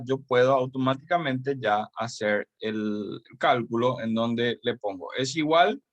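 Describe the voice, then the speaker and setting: A man's voice: fairly high pitch, fairly bright tone, no room sound, highs cut off. A man teaching a live online class as course instructor, talking in a chatty way with many fillers and tag questions.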